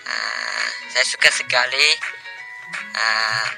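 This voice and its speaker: A man giving unscripted remarks to camera, very halting as he searches for words. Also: mid-range voice, fairly even intonation, music in the background, low-quality recording.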